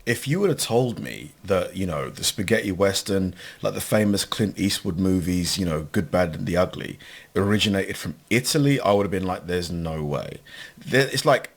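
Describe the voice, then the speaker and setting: A man chats casually while reacting, laid-back and leaning on fillers. His voice is deep, yet his pitch swings widely and animatedly. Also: expressive, normal speed.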